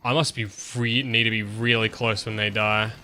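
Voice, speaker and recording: Bright-voiced man casually streaming a game. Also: fairly low pitch, flat delivery, moderate pace, vocal fry, a little hiss or hum. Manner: offhand, profane, thinking aloud. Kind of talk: casual live gameplay commentary.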